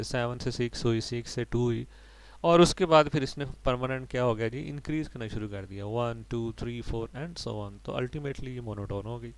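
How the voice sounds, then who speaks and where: A man's voice: mid-range voice, darkish tone, rough recording. A man lecturing on mathematics, explaining each step patiently and checking in with his students as he goes. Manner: explains step by step, mixing English terms and often adding "ठीक है जी". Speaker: maths lecturer. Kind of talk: recorded maths lecture.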